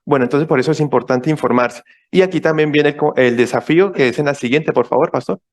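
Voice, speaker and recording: A man's voice: a little high, quick pace. A man speaking as a visiting ministry guest in a church, explaining step by step, repeating key points and checking in with his listeners. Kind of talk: church presentation.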